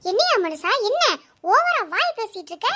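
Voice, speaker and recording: A woman's voice: very high-pitched, big pitch swings, moderate pace, sharp tone, slight background noise, heavily acted. A woman voicing a fiery, fed-up village wife and mother in a cartoon. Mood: scolding. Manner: scolding, quarrelsome.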